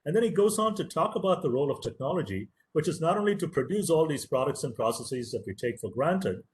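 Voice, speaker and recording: A professor whose first language is Tamil gives an earnest, motivational webinar lecture, stressing key words and repeating phrases for emphasis. His voice is a little high, sing-song and fast.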